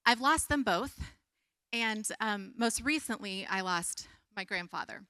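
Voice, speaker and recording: A woman's voice: medium pitch, animated, unhurried, bright, forceful tone, clear, resonant tone, no room sound, clean studio sound. A woman speaker on a conference stage telling a heartfelt personal story with a light touch.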